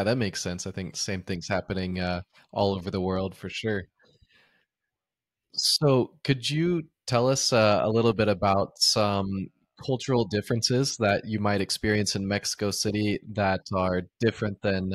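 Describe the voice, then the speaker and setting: Low-pitched guy hosting a podcast, kinda hesitant, dry close sound. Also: no echo. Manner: hesitant, many "uh" restarts. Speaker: podcast host. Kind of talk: interview questions.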